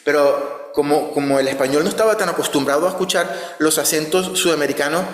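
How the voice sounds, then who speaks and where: A man from outside Spain preaches a conversational sermon in an echoey church hall, often ending phrases with a questioning "¿no?" tag and restarting. His voice is fairly high and a little fast.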